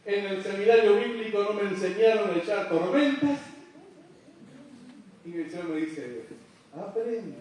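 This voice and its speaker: High-voiced pastor in echoey church. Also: male voice, slight background noise. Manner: animated storyteller, acts out dialogue. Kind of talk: sermon storytelling. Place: church hall. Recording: echoey hall, distant mic.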